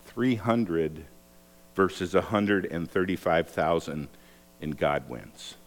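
A male pastor preaches at a slow, deliberate pace, his voice sitting a little low. He tells stories and acts out the quoted lines with sudden lifts in pitch. His voice rings with a long reverb, as if recorded in a church sanctuary. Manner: animated storytelling, acts out quotes with raised pitch. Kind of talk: sermon.

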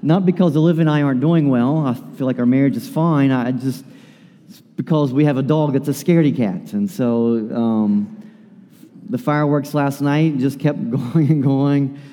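A male pastor giving a sermon in a relaxed, chatty way with fillers and restarts, sounding tired and yawning. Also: mid-range voice, moderate pace. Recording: long hall reverb.

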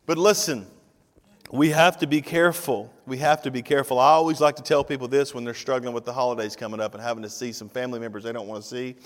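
A medium-pitched, fast-talking pastor in his fifties, originally from Tennessee, preaches with fairly even intonation. His conversational sermon in the church sanctuary is sprinkled with direct asides to the congregation, and the recording has the long reverb of a church hall.

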